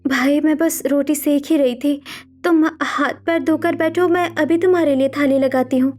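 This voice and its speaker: A meek young sister answers softly and patiently in a high voice, voiced by a woman. It is a cartoon story with faint music behind her. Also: steady tone, normal speed, lightly acted. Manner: soft-spoken, submissive, sorrowful.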